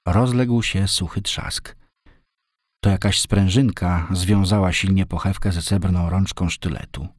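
A man narrates a novel in a steady, measured storytelling voice. His pitch is very low, and the recording is dry and close, with no room sound. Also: dry recording.

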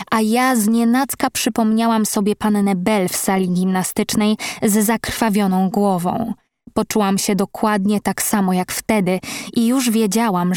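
A woman narrating a first-person audiobook in a measured, even storytelling manner. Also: medium pitch, no echo, studio quality.

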